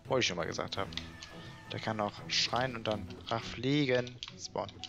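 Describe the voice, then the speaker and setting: A man talks his way through a game in a relaxed, muttering manner, now and then swearing at it. His voice is low and gravelly with a bright edge. Faint music plays behind him. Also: normal speed. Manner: chatty, muttering, swears and laughs. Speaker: let's play gamer. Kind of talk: casual game commentary.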